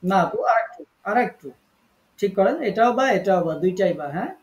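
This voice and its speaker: Teaching Quran recitation in an online class, a man patiently corrects his students and slowly repeats words to model them. His voice is high and expressive, with a roomy sound.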